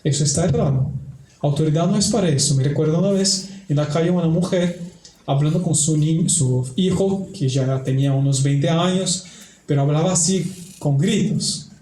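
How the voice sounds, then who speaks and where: A man's voice: fairly high pitch, moderate pace, dark tone. A man speaking as a priest in religious talk and prayer, in a didactic way with repeated phrases, in an echoey, cathedral-like room. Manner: didactic, repeats phrases for emphasis, tag questions. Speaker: priest giving a family workshop. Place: large reverberant indoor room. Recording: echoey cathedral-like room, faint background noise.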